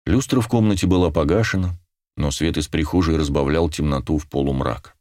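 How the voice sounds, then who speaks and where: Deep-voiced male audiobook narrator. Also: a little mellow, dry recording, clean studio sound. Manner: measured, unhurried storytelling. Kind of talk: first-person audiobook narration.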